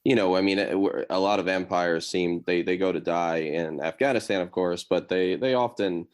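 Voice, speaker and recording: A male podcast host with a very low voice answers his guest in a relaxed way. He thinks out loud in loose, agreeable phrases. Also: moderate pace. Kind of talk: casual interview talk.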